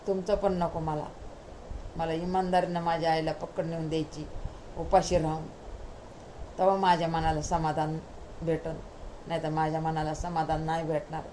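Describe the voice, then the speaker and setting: A woman's voice: low-pitched, flat delivery, normal speed, long pauses, dark tone, a little hiss or hum, close to an everyday voice, poor audio. A woman voicing a devoted young son in a told story, speaking in an earnest, firm way.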